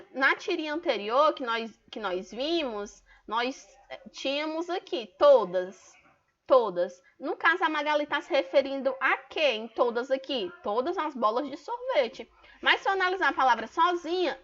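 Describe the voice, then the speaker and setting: Brazilian woman teacher, higher bright voice, patient step-by-step explainer, dull lo-fi online class audio. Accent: Brazilian Portuguese. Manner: explains step by step, checks in with "tá bom?".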